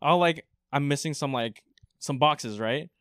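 A young man hosting a casual podcast chat, laid-back and quick to laugh. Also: a little high, no room sound, clean studio sound. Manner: laid-back, laughs often, relaxed asides. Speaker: podcast host.

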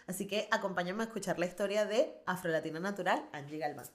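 A woman's voice: on the low side, fast talker. Earnest woman hosting a podcast. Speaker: podcast host. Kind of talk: reflective monologue and interview.

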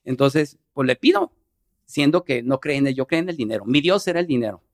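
A middle-aged man, a podcast guest telling an emotional personal story earnestly, in fast bursts. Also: mid-range voice, animated.

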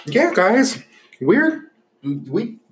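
A young man hosts a relaxed podcast, chatting over food. His talk is loose and filled with fillers and quick laughs. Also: high-pitched, noisy background. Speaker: podcast host. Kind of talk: casual chat while eating.

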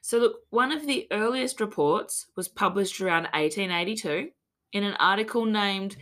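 A woman's voice: medium pitch, moderate pace, a bit bright. An Australian woman hosting a podcast, talking in a chatty, jokey way and swearing freely. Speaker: podcast host. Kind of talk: casual chat.

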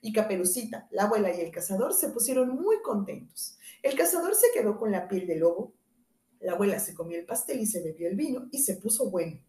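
Animated woman reading fairy tales. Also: medium pitch, fairly quick, roomy sound. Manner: expressive, animated storytelling, affectionate with listeners. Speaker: podcast host and storyteller.

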